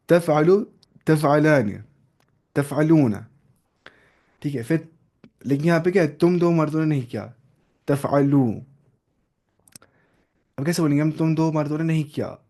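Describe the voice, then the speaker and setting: A man's voice: fairly high pitch, warm tone. A male teacher giving an online grammar lesson, patiently drilling and repeating verb forms aloud. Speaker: Arabic teacher.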